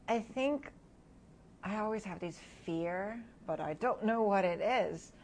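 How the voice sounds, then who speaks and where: A woman in her thirties from Hong Kong, a guest speaking candidly and reflectively in an interview, often laughing softly between thoughts. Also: medium pitch, lively intonation, takes it slowly, slight background noise.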